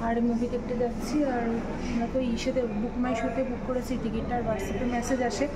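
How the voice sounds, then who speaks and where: A woman's voice: a little high, little pitch movement, a little fast, heavy background noise. A young woman, chatting casually to viewers in an everyday vlog. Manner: chatty, talks straight to viewers. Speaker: vlogger.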